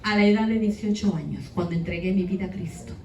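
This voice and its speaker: A woman's voice: medium pitch, fast, creaky, mellow, a little hiss or hum. A woman giving an emotional testimony to her congregation, speaking directly to the listeners. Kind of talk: testimony sermon. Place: church hall. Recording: echoey church hall, far off, faint ambience.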